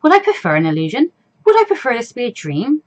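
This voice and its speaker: On dull-sounding audio, a woman reads a visual novel as an anxious, introspective fourteen-year-old girl. Her slightly high voice swoops wildly in pitch at a quick pace, carrying a troubled, hesitant, musing inner monologue.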